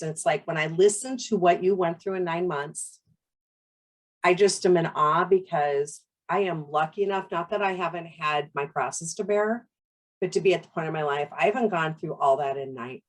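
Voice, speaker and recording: A woman in her fifties hosting an interview, responding to her guest in an empathetic, reflective and encouraging way. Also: on the low side. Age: 50s. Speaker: host. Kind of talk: interview talk.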